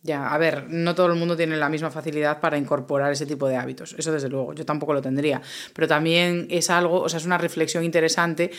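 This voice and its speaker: A woman's voice: sits low, flat delivery, fast talker. A woman hosting a casual interview, thinking aloud in a reflective way with hesitant restarts. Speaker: podcast host.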